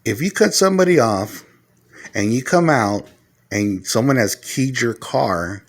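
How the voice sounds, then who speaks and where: A middle-aged man talking casually to the camera, giving earnest advice point by point and growing loud and heated as he retells arguments. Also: medium pitch, expressive, measured pace. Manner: earnest, lecturing, numbers his points. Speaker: vlogger giving life advice.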